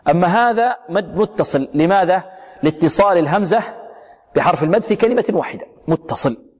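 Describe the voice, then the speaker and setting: A man teaching the rules of Quran recitation, asking questions and answering them himself, with slow, drawn-out recited examples. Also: high-pitched, lively intonation, a little mellow, in a large hall. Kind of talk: tajwid lesson with recited examples. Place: radio broadcast studio.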